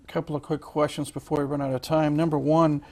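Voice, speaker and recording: A man's voice: on the high side, level tone, darkish tone. A man hosting a college sports interview show, reading player statistics with frequent fillers and restarts. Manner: reads stats haltingly with many fillers. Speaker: host.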